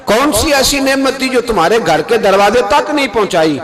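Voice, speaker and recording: Impassioned high-voiced male preacher. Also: lively intonation. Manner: exhorting, rising to loud high calls to the listeners. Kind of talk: impassioned sermon. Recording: sermon recorded with a crowd audible.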